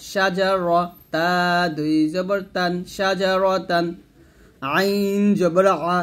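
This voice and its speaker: A man teaching Quran reading, spelling out each letter with its vowel mark and then blending the syllables, asking the viewer to repeat after him. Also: sits high. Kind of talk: spelled-out recitation lesson.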